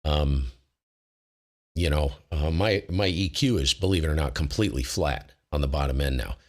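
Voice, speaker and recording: A man with a very deep voice hosts a laid-back ham radio livestream at normal speed. He chats with the live chat about technical topics informally, pokes fun at himself, and frequently drifts off mid-sentence.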